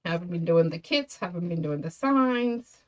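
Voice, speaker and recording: A woman's voice: fairly low pitch, expressive, normal speed, muffled recording. A woman hosting a craft tutorial, chatting casually with viewers by name and laughing often. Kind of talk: casual livestream crafting chat.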